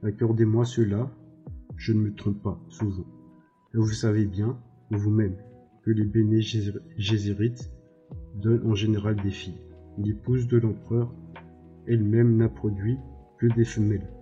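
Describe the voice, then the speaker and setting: A man voicing a cold, calculating advisor with a sly, measured delivery. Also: on the low side, flat delivery, dark tone, dull audio, soft background music, natural voice. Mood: defensive.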